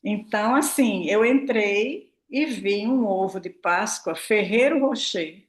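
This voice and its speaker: A woman's voice: medium pitch, takes it slowly. A woman, talking casually and expressively to her audience as a prosperity mentor, acting out her own remarks. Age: 60s. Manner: chatty, expressive, acts out her own quotes, tag questions. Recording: roomy echo.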